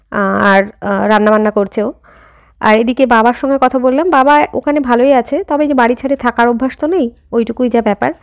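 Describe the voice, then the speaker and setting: An Indian vlogger with a voice on the high side chats in Bengali, carrying a slight rural Jessore-Khulna lilt. She speaks directly to viewers with many fillers, narrating casually at home and outdoors while doing errands.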